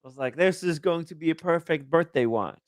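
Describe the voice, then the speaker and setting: A man in his thirties hosting a casual livestream chat, eager and quick to react with loud exclamations. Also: a little high, no room sound, studio quality. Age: 30s. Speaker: livestream host.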